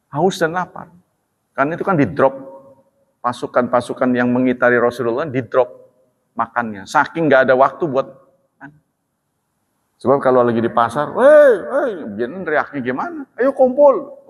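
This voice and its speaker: Preacher man in a reverberant hall. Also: medium pitch. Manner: storytelling with acted dialogue and humor. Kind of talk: sermon.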